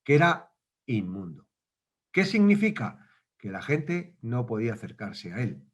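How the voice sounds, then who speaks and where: A man's voice: mid-range voice, very animated, a little slow. A man teaching a casual Bible study, conversational, asking questions and acting out quotes.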